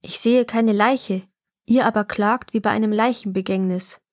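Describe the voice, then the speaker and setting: A woman's voice: mid-range voice, steady tone, normal speed, darkish tone, dry recording, studio quality, natural voice. A woman voicing a bold courteous knight. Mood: earnest. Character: brave young male knight, bold and courteous.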